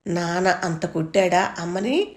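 A woman voicing a frightened young schoolboy who calls out loudly and anxiously for his mother. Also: lowish voice, a little slow, roomy sound, natural voice. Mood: bewildered. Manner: loud, anguished cries.

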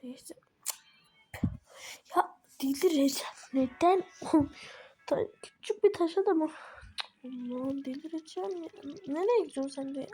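A woman's voice: high-pitched, normal speed, pauses often, darkish tone, slight background noise. A woman giving casual commentary while playing a game, talking to herself and getting exasperated. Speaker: gaming video host.

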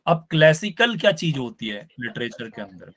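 A man's voice: mid-range voice, very animated, a bit bright. Man teaching a live online class. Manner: explains step by step, often checks with "ठीक है"; spells out words slowly for emphasis.

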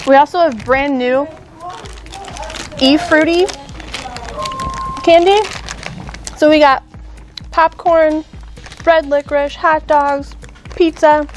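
A woman's voice: high-pitched, steady tone, slow, long pauses, faint music behind. A woman in her thirties hosting a casual candy shop chat, upbeat and chatty with fillers and small laughs.

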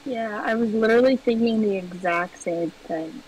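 A woman's voice: fairly high pitch, a little mellow, recorded from a distance, a little hiss or hum, poor audio. A woman playing a game with a friend on stream, chatting casually and laughing often. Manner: slow and giggly, laughs often. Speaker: co-player on a stream. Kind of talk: casual gaming chat.

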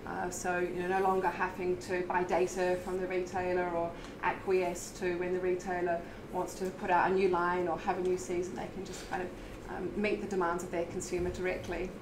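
A woman's voice: fairly low pitch, completely flat delivery, brisk. A woman hosting a live business event, introducing speakers with many ums and uhs. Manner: hesitant, many fillers. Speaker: event host. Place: brick-walled meeting room with audience. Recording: echoey room with background noise.

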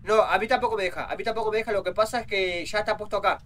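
A man's voice: high voice, steady tone, very fast, fairly bright tone, a little hiss or hum. A young man with a Rioplatense Spanish accent, streaming a horror game and chatting nervously, repeating himself. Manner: jittery, repeats himself, jokey. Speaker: gaming streamer. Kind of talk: casual gameplay chat.

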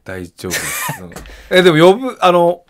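A young man co-hosting a comedy podcast, chiming in with quick, playful quips in casual banter. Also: high-pitched, huge pitch swings, slight background noise. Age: young adult.

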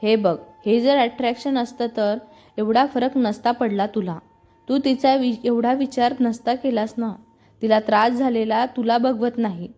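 A woman's voice: fairly high pitch, fairly even intonation, a little slow, warm tone, soft background music, lightly acted. A woman voicing a playful, teasing young man, the hero's best friend, in a storybook reading. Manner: teasing, mock-dramatic.

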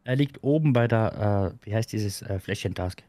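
Man calmly walking through his alibi. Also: lowish voice, moderate pace, no echo. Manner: lays out events step by step, defensive. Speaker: game player. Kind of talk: casual voice chat during a social deduction game.

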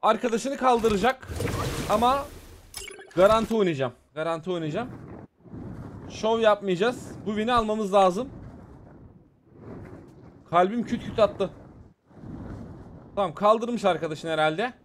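A man hosting a gaming channel, commentating his own match in an excitable, muttering way that tenses up during fights. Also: sits high, a little slow, long pauses, a little hiss or hum. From Turkey. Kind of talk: live gameplay commentary.

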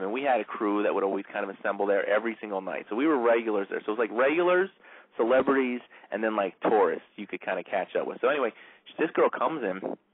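A male radio host spins a long, meandering story in a casual way, packed with fillers like "like" and "you know." His voice is lowish and slightly rough, heard through a dry, narrow, phone-like band.

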